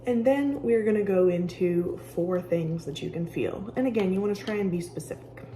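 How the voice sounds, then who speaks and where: Woman, mellow relaxed tone, casual instructional talk, conversational, personal examples, faint background noise. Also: mid-range voice, normal speed, poor audio. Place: office with sound machines nearby.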